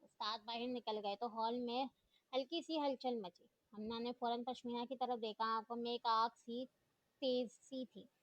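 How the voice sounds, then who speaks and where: A woman narrating a novel in a steady storytelling manner. Her voice sits a little high. The recording is dull, lo-fi and completely dry. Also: unhurried, dry recording. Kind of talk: reading a novel aloud.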